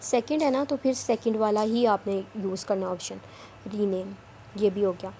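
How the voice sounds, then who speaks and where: An online work trainer with a warm, mid-range voice speaks steadily at normal speed, explaining step by step how to record and share audio files. She is repetitive and instructive, sometimes scolding, with slight background noise.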